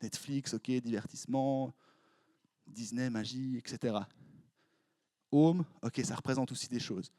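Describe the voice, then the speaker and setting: A young man with a Swiss French accent, preaching as a youth pastor in a lively, joking way, quizzing his congregation. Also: mid-range voice, no echo, clean studio sound. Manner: playful, jokey, quick asides to the crowd. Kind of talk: lively sermon with audience interaction. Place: church hall before a congregation.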